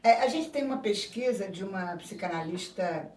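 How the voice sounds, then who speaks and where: A woman's voice: mid-range voice, animated, normal speed, a little mellow, slight background noise. Reflective woman in an echoey room. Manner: thoughtful, explanatory, many asides and restarts. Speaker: psychoanalyst guest. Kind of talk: reflective interview talk. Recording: echoey room, voice a bit far from mic.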